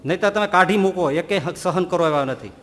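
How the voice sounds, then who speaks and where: Man, high voice, sermon, lively storytelling, long hall reverb. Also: fairly quick, a little hiss or hum. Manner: animated storytelling, rhetorical questions, voices quoted figures. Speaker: Swaminarayan preacher.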